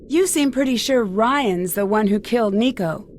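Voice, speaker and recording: A woman's voice: a little high, lively intonation, normal speed, darkish tone, a little hiss or hum, lightly acted. A woman playing a curious, polite young female detective in a video game, with an inquisitive way of talking.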